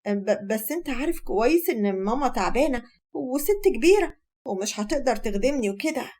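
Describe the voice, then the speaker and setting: A woman's voice: sits high, animated, quick pace, darkish tone. A woman voicing a defensive young Egyptian wife who protests to her husband. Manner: defensive, nervous.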